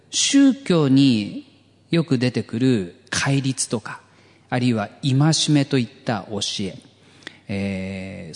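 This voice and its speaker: A man preaching a sermon as pastor, earnest and gently humorous, often letting phrase ends drop to a whisper. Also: medium pitch, long reverb tail. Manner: light jokes for the congregation.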